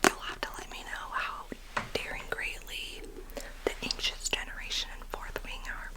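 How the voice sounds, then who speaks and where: A woman doing a whispered role-play as a librarian, speaking in a soft, breathy library whisper with a gentle, unhurried manner. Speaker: librarian in a role-play, recommending and checking out books.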